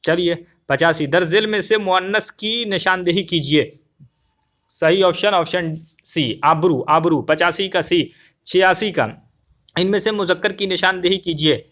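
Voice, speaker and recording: Male online tutor, young adult, higher-pitched; brisk, repetitive answer walkthrough addressing viewers as friends. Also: a bit bright. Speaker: teacher.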